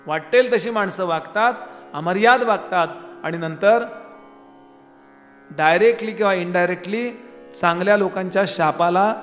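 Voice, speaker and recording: A man giving a devotional discourse, talking conversationally and asking the audience rhetorical questions. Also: high voice. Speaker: kirtan preacher. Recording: long reverb in a hall.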